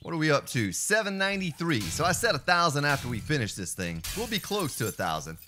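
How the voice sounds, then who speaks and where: Over soft background music, a let's play streamer runs through a survival game, animated and playful, bantering with viewers in silly voices and song snippets. His voice is a little high and his pace quick.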